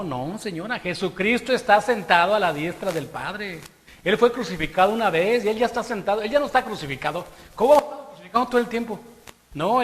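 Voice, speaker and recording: Male preacher, high voice, emphatic conversational sermon, long hall reverb. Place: church hall.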